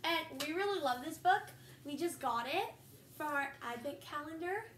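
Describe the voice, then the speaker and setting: Expressive and high-pitched with a fairly bright tone, a young girl talks at normal speed as she hosts a casual vlog, chatting to viewers and reading a storybook aloud. The recording has a roomy echo and faint background noise, with her some distance from the mic.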